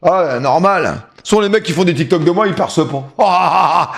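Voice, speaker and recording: A middle-aged man chatting and joking on a live stream, with loud hype bursts. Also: high voice, moderate pace, creaky. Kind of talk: casual live-stream chat.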